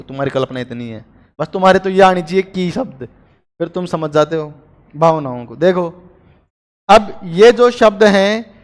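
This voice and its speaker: A man's voice: sits high, clean tone, in a large hall. A man teaching a grammar lesson to a class, chatty and joking with his students between explanations.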